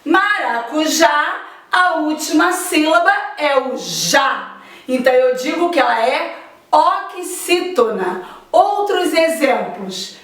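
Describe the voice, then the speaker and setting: A woman teacher gives a slow, deliberate grammar lesson and stretches out her example words. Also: high-pitched, sing-song, a bit bright, distant mic. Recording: echoey room, voice off-mic.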